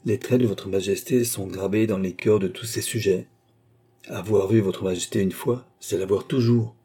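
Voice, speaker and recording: A man's voice: lowish voice, steady tone, moderate pace, mellow, breathy edge. A man reading an audiobook, voicing a devoted young nobleman who speaks with fervent, courtly deference.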